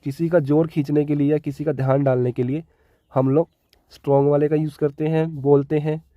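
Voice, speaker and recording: This Hindi-accented man talks briskly in a level tone, his voice on the high side, as he explains English grammar step by step. Repeated key words and frequent "ठीक है" check-ins mark his delivery. The audio is dull, without echo.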